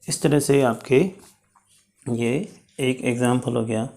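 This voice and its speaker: A man's voice: mid-range voice, level tone, darkish tone. A man teaching chemistry in a step-by-step lecture, checking in often with his students. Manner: explains slowly, checks with "ठीक है".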